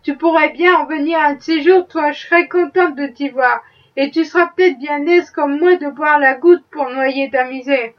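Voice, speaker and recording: A woman voicing a bitter, gruff old woman who talks in a surly, grumbling way. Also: moderate pace, close to an everyday voice. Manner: surly, grumbling, low muttering. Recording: dull, distant-sounding audiobook recording.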